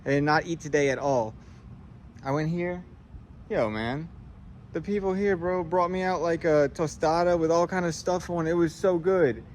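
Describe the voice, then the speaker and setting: A man's voice: fairly high pitch, normal speed, a little hiss or hum. A man vlogging on his phone outdoors in a city square, talking in an upset, rambling, repetitive way. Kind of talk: casual selfie vlog.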